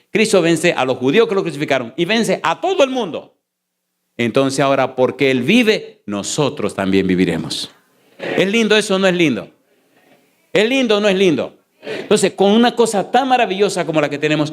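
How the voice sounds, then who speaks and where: Pastor, man, church sermon; emphatic, fires off rhetorical questions, slows for stress, then races. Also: fairly high pitch. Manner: shifts between slow stressed phrases and rapid runs. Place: church sanctuary. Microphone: sermon recording.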